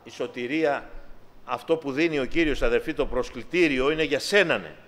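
A middle-aged man preaching a fervent testimony sermon, calling his listeners brothers and sisters and building to loud, passionate preaching. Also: mid-range voice. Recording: long hall reverb.

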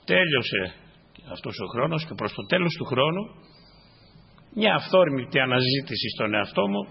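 Husky-voiced preacher with emphatic bursts. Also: male voice, sing-song. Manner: swings from low, quiet asides to sudden high emphatic bursts. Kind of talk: sermon. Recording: dull lo-fi recording.

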